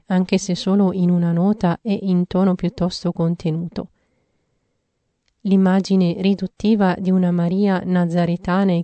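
A woman giving a measured, earnest reading of a devotional theological text. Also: on the low side, dark tone, no room sound.

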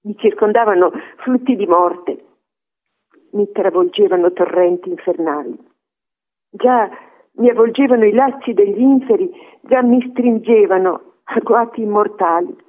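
A man reading a psalm aloud in a measured, reverent way on a radio program. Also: sits high. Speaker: co-host reading scripture. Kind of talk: slow solemn reading. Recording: phone-like radio broadcast.

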